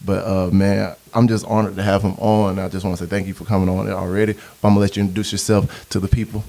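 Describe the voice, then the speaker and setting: A man's voice: low voice, flat delivery, quick pace, gravelly, dark tone. Laid-back man hosting a podcast. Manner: laid-back, hypes up his guest, laughs often. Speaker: podcast host. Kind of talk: casual interview chat.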